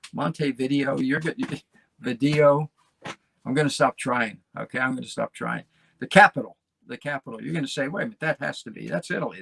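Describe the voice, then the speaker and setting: A man in his seventies hosting a talk show, folksy and rambling, encouraging his listeners with a gravelly voice. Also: mid-range voice, a bit bright, no room sound. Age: 70s. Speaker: podcast host. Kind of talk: motivational casual talk.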